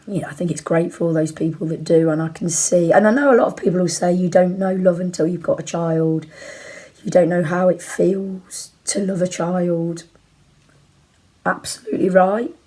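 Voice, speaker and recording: A woman in her forties talks to camera like a chatty video blogger. Her voice sits fairly low and is husky and croaky, as if she is under the weather. She rambles candidly and informally as she answers questions. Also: mellow. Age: 40s. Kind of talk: casual chat to camera, answering viewer questions. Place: bedroom at home, indoors.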